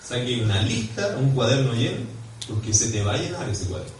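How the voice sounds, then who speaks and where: A man with a Chilean accent preaching a sermon as pastor, animated, swinging from quiet to loud and emphatic, and putting questions to the congregation. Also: medium pitch, fairly quick, a little hiss or hum. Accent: Chilean Spanish. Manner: questions and prompts the congregation directly. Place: church hall. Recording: echoey church hall, mic far off.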